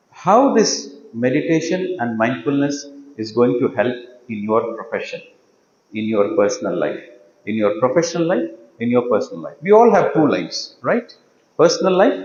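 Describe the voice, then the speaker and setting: A man's voice: medium pitch, a little mellow. A man delivers a motivational talk to teachers in a large hall. He repeats his points and keeps asking the audience to agree with him. The sound is dull and muffled, with a long reverb from the room. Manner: repetitive, asks the audience questions. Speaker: meditation teacher. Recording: dull echoey hall recording.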